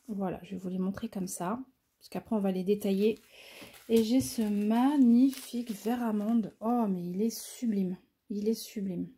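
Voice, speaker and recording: Enthusiastic woman vlogger, warm and husky, casual unboxing chatter. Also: fairly high pitch. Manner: gushing, enthusiastic. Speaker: crafting vlogger.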